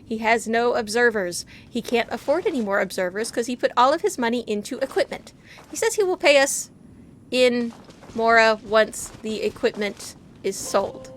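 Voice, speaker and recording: A woman hosting a gaming channel with bubbly, goofy, fast casual commentary, speaking from her home in a rural area. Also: fairly high pitch, animated, a little hiss or hum.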